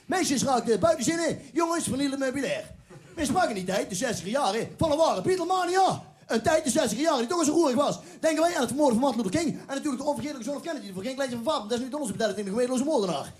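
A man's voice: very high voice, lively intonation, very fast. A man hosting as a comic radio announcer in a cabaret style, rambling and giggling at his own jokes. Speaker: comic host. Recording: music playing underneath.

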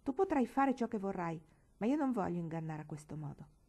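A woman's voice: on the low side, big pitch swings, a little fast, warm tone, slightly rough, heavily acted. A woman voicing an earnest, anxious young girl in a storybook, speaking in a pleading, somewhat dramatic way. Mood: insistent.

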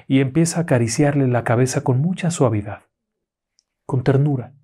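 A man narrating a horror story, slow and hushed in calm parts and rising sharply in pitch at frightening moments.

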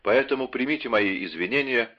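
A man reading the part of a bold, quick young guardsman in an audiobook, speaking with earnest urgency. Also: mid-range voice, voice pushed up, close to an everyday voice. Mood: grave. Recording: dull lo-fi audio.

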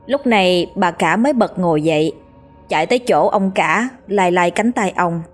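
A woman narrating a ghost story in a deliberate, suspenseful tone. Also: fairly low pitch, expressive, soft background music. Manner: slow, deliberate, suspenseful telling.

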